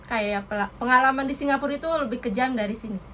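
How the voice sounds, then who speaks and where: A woman from Indonesia, interviewed about her work abroad, talking frankly in a casual chat with many pauses and fillers. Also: a little high, a bit bright. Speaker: interviewee, domestic worker. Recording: noisy room recording.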